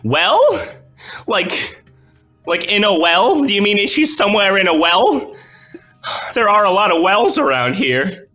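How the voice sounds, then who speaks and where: A tearful older farm woman, put on by a man, pleads in a frantic, breathless rush. Her voice sits far above his usual range and rings bright and forceful. Faint music plays underneath. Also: sits high, sing-song, a little slow, long pauses, voice pushed up, full character voice. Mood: confused.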